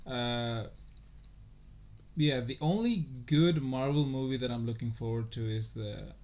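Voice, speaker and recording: A man's voice: mid-range voice, measured pace, darkish tone. Podcast guy just shooting the breeze, swears a lot, rambles, says like and you know every other word. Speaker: podcast co-host. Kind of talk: casual chat.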